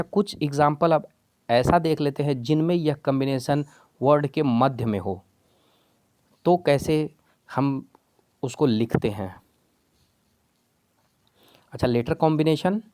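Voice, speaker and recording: A man's voice: mid-range voice, a little mellow, dry recording. A man teaching spelling rules patiently, step by step, calling his viewers friends. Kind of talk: explaining a lesson in Hindi.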